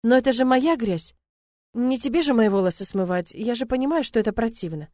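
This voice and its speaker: A woman's voice: fairly high pitch, expressive, brisk, a little mellow, dry recording, clean studio sound, natural voice. A woman reading the part of a young male company director, eager and boyish with a cheeky edge. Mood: sheepish. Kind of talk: audiobook character voice.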